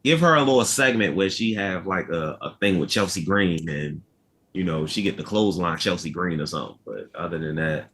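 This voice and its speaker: A man's voice: sits low, a little fast, fairly bright tone, husky. A young man from Baltimore with a Baltimore accent, co-hosting a casual chat and talking in a laid-back, rambling way. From Baltimore, Maryland. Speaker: podcast co-host.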